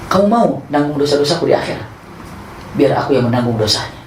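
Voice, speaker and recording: A man voicing a humble, caring ruler who speaks calmly and earnestly, in an echoey room. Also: mid-range voice, quick pace, a little hiss or hum, lightly acted. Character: humble, caring male caliph.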